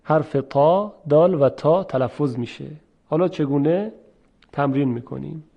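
A man teaching how to pronounce Arabic letters for Quran recitation, explaining slowly and repeating drill sounds. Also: a little high, gravelly, dull audio. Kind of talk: explanatory lesson on letter pronunciation.

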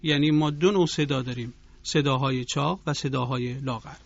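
A man's voice: medium pitch, creaky, no room sound. A man giving a formal tajweed lesson on a radio program, explaining points and demonstrating recitation examples. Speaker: Quran recitation teacher. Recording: dull lo-fi radio broadcast.

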